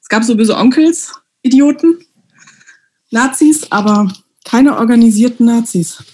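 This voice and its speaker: Female guest, mellow tone, relaxed, hesitant conversational delivery. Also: a little high, measured pace. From Germany. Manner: relaxed, hesitant with many fillers. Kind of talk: casual conversation.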